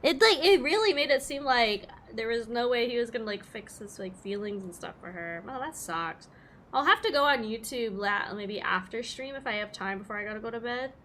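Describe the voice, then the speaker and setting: A woman's voice: fairly high pitch, animated, brisk, a bit bright, a little hiss or hum. A woman giving casual livestream game commentary in a chatty, rambling, slangy way. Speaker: game streamer.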